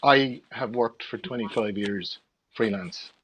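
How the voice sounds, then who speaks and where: Low-voiced middle-aged Irish man, noisy recording. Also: measured pace, fairly bright tone. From Galway, Ireland. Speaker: interview guest, freelance theatre production manager. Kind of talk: conversational interview answers.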